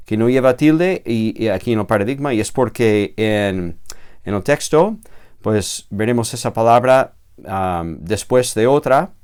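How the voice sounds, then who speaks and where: A man's voice: on the low side, animated, measured pace, darkish tone, clear, resonant tone. A man teaching a recorded grammar lesson, patient and explanatory, repeating key words and checking with "¿vale?".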